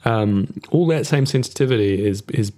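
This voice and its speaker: Casting: thoughtful male podcast host, lowish voice, gentle, reflective delivery. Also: expressive, moderate pace. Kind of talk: reflective conversation.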